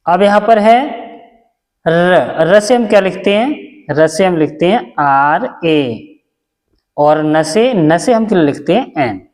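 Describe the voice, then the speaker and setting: A man's voice: sits high, animated, takes it slowly, a little mellow, big-room sound. A man teaching a basic lesson, patient and repetitive, asking questions and answering them himself. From India. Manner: patient, repeats each step, asks and answers own questions. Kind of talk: classroom lesson.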